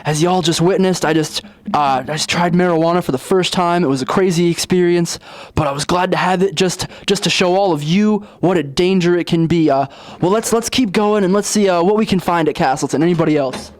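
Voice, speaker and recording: A man's voice: high-pitched, fairly quick, lightly acted. A young man playing an earnest, clueless campus news reporter who stammers through a formal anchor delivery in a comedy sketch. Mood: flustered.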